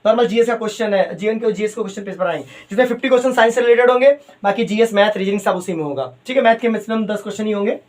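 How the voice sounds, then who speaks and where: A man teaching a chemistry lesson at a coaching class. He calls his students "beta", repeats key terms slowly and mixes in English phrases. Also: high voice.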